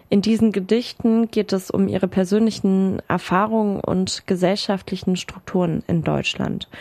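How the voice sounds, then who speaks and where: A woman presenting a community radio feature, reading a scripted announcement in a steady manner with occasional filler sounds. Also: medium pitch, no room sound.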